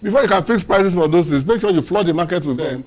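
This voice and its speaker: A Nigerian man in the studio as the show's analyst, arguing his point in short, firm statements. His pitch sits a little high and swings widely as he talks, which makes his delivery sound animated. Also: fast talker. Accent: Nigerian English. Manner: opinionated, argues in short points. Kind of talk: studio discussion.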